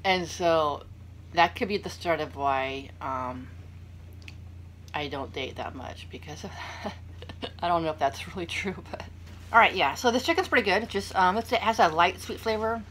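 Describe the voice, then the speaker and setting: A mukbang vlogger, a young adult woman, talks at a normal speed in a lowish, slightly bright voice. She chats casually while eating, rambling through anecdotes with self-deprecating asides as clear room noise plays in the background.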